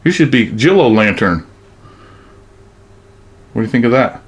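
A man's voice: medium pitch, big pitch swings, moderate pace. A man in his sixties giving a casual, rambling toy demo in a folksy, playful way. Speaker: product demonstrator. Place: home kitchen. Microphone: camera a few feet away.

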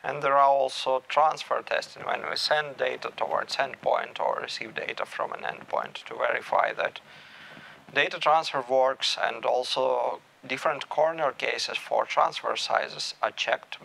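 A man in his thirties giving a technical talk at a meetup, measured and thinking aloud with small restarts. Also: mid-range voice, gravelly, pushed and bright, slight background noise, poor audio. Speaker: meetup speaker. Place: small room with stage curtains.

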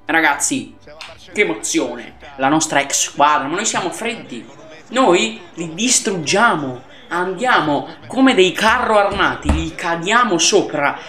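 A man giving excitable, chatty commentary over his football video game, talking straight to his viewers. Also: high-pitched, reverberant. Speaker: gaming youtuber. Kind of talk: casual gameplay commentary.

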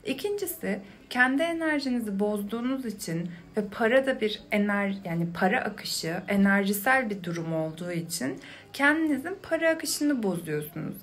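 A young adult woman talking to camera in an explanatory way, calm and reflective, addressing the listener directly. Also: medium pitch. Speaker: video creator.

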